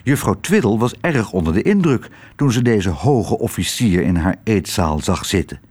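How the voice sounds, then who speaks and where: A man narrating a children's storybook in an expressive way. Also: lowish voice, moderate pace. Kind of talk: storybook reading.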